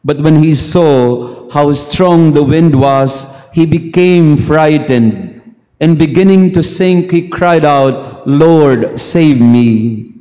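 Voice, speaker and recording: A man, a priest reading the gospel and preaching in a measured way, heard with a long cathedral-like echo. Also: fairly high pitch, mellow. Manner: slow measured reading, then easygoing mixing of English and Tagalog. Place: large church. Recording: long church reverb.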